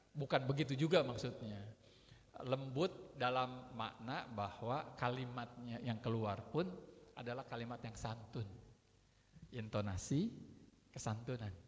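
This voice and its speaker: A man giving a religious sermon in a relaxed, conversational way, acting out everyday quarrels as examples. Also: mid-range voice, muffled recording. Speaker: preacher. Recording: long hall reverb.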